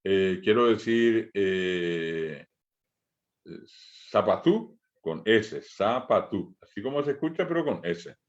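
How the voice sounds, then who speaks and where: A middle-aged man with a Paraguayan Spanish accent teaching a language lesson, slowly repeating each sound for learners to copy. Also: fairly low pitch, expressive, highs cut off.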